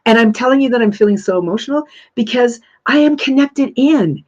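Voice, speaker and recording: A woman's voice: on the high side, lively intonation, brisk, darkish tone, muffled recording. Earnest woman hosting a spiritual Q&A. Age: 30s. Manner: earnest, effusive, repeats phrases for emphasis. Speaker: spiritual Q&A host. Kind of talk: live Q&A answering a caller.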